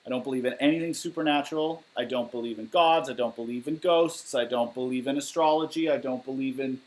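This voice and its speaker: A man's voice: mid-range voice, fast talker, a little mellow, rough recording. Man, 30s, from Southern California; laid-back livestream Q&A host, candid and rambling, laptop mic in a living room. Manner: candid, matter-of-fact, rambling with fillers. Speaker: musician livestreaming Q&A. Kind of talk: casual livestream Q&A, reading viewer questions. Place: living room at home, indoors. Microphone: webcam or laptop mic at desk.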